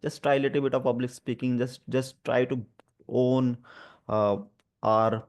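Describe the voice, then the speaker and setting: A man from India talks conversationally about lived experience in a medium-pitched voice with fairly even intonation. His speech is earnest but hesitant and halting, broken by a stammer with repeated sounds and blocks.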